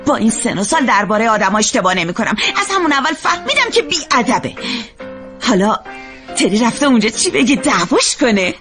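A woman's voice: fairly high pitch, sing-song, faint music behind. A stern, scolding older mother. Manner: sharp, scolding. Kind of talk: dubbed TV drama acting.

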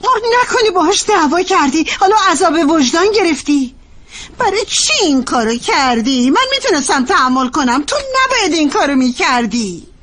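An anxious young wife. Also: female voice, high-pitched, sing-song, a bit bright. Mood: worried. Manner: worried, fretful. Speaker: wife and daughter-in-law. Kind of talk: dubbed TV drama acting.

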